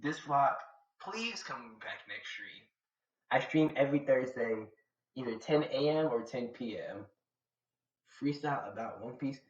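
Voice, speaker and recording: A young man from Atlanta talks casually and at length on a live stream, slangy and chatty as he answers his chat. His voice sits at an ordinary middle pitch. It is caught in a roomy space with a slightly muffled, dull sound. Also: lively intonation, measured pace. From Atlanta, USA. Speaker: live streamer reacting to manga.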